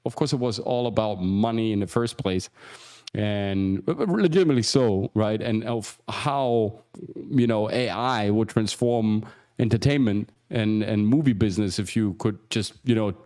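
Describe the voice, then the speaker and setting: A man hosting a casual livestream as an acting coach, rambling with many restarts and asides and jumping higher for emphasis. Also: warm tone. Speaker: acting coach and show host.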